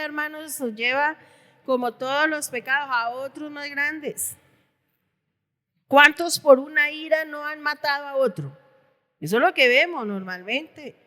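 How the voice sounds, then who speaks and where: A middle-aged woman pastor preaching a Bible study, lively and acting out the voices she quotes. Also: high-pitched. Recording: long hall reverb.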